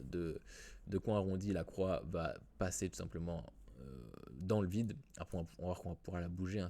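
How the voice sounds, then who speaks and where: A man walks through a software tutorial in a casual way, with many fillers and restarts. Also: low-pitched. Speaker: WordPress tutorial host. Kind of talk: screen-recorded software tutorial.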